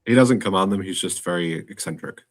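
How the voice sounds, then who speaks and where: Deep husky guy, chill podcast guest, just explains stuff easy. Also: fairly quick. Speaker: guest comic creator. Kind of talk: casual chat.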